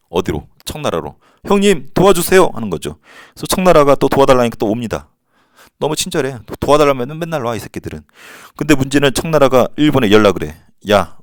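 A man's voice: medium pitch, dry recording, studio quality. A man teaching a history lesson to students in a casual, slangy and playful way. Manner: slangy, playful, acts out quotes.

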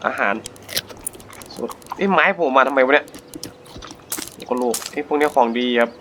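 A man hosting a gaming channel, giving casual let's-play commentary in a jumpy, excitable way as he plays. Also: medium pitch, slight background noise. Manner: excitable, jumpy, talks to himself while playing.

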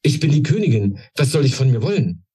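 A man doing a shrill, haughty old queen. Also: big pitch swings, quick pace, dark tone, slightly rough. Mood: indignant. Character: proud indignant aging queen, woman in her sixties.

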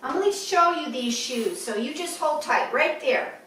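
A chatty, upbeat woman in her fifties talks through an outfit in a high voice. She is recorded in her living room from across the room, so the sound is distant and strongly echoey. A faint hiss of room ambience sits under her voice. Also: expressive, moderate pace, a bit bright. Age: 50s. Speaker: fashion vlogger. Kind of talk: casual show-and-tell.

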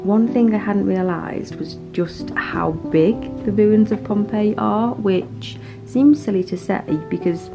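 A woman's voice: medium pitch, takes it slowly, gravelly, few pauses, dull audio, over music. A woman in her thirties narrating a travel vlog in a chatty, reflective way, filming herself outdoors. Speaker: travel vlogger. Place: outdoors among ruins. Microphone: handheld camera at arm's length.

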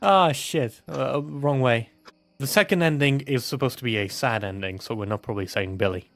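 A man doing let's play commentary on a horror game, animated and playful, swearing a lot. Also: medium pitch, moderate pace, vocal fry. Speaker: gaming channel host.

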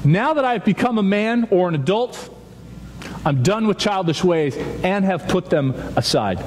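Guy preaching to a school chapel, voice jumps around a lot, sits a bit high, big echoey auditorium. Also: unhurried. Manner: animated storytelling, acts out quoted voices. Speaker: youth chapel speaker. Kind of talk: chapel talk to students. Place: large dark auditorium with stage. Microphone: stage microphone, seen from far back. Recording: reverberant hall, faint audience noise.

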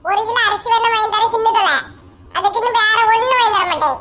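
A woman's voice: very high-pitched, fast, sharp tone. A woman playing a stingy, exasperated young husband with a Kanyakumari Tamil accent, grumbling sarcastically. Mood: sarcastic grumbling.

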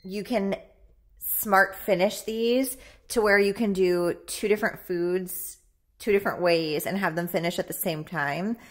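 A woman vlogger chatting casually and upbeat while she preps meals at home, thinking aloud as she goes. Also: on the low side. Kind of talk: casual meal-prep chat. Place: home kitchen. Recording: echoey room with faint ambience.

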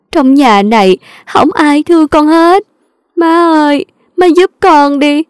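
Woman playing a whiny southern vietnamese young daughter-in-law, high pleading voice, dry sound, sly and clingy. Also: dry recording. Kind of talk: audio drama reading.

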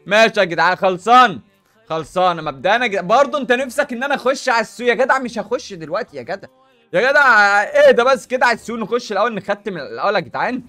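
Fast, excitable young Egyptian man. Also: high-pitched, soft background music. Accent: Egyptian Arabic. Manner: animated, rapid, hype-filled street slang. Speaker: gaming YouTuber. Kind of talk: excited gameplay commentary.

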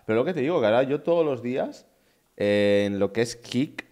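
Un hombre joven de España, streamer, comentando en directo con entusiasmo y muchas repeticiones desde su cuarto. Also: male voice, mid-range voice, animated, fairly quick, darkish tone. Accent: Spain Spanish. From Spain. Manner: enthusiastic, repetitive, chatty. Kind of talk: casual live-stream commentary. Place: his own room.

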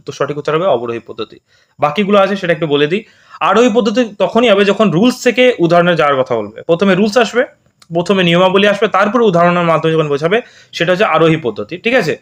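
Fast-talking, high-voiced male tutor. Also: lively intonation. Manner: explains step by step with frequent checks like "okay?". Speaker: teacher. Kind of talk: exam prep lesson.

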